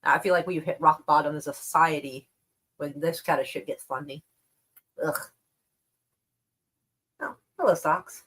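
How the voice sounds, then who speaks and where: A woman's voice: low-pitched, steady tone, unhurried, pauses often, fairly bright tone, breathy edge. A woman chatting casually on a live stream about the news, rambling and wry, with plenty of swearing. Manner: profane, laid-back, wry.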